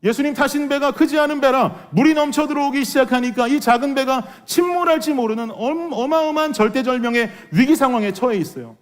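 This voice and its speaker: A man's voice: extremely high pitch, a little fast, hardly any pauses. A man preaching a Korean sermon as pastor, earnest and full of rhetorical questions to the congregation. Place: church sanctuary.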